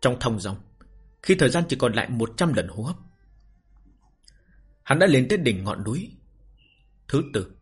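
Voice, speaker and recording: A man, the channel's host, reading a novel aloud in a calm, measured way. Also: mid-range voice, breathy edge, faint music behind. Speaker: story reader and channel host. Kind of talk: scripted novel narration.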